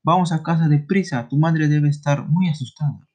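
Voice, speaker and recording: A man voicing a weary, grumbling middle-aged father with a gruff, dismissive manner in a retold story. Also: a little high, normal speed, darkish tone, close to an everyday voice.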